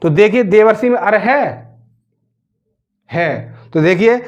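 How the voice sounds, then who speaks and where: A man teaching a grammar lesson, asking questions and answering them himself and repeating words slowly as he spells them out. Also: sits high, expressive, lo-fi sound.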